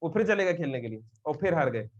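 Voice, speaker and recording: A man's voice: fairly high pitch, quick pace, muffled recording. A man giving a live devotional talk to young people, telling a scripture story and acting out the characters' lines. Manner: animated, acts out characters' quotes. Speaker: devotional speaker. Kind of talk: storytelling sermon to youth. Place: live session with audience.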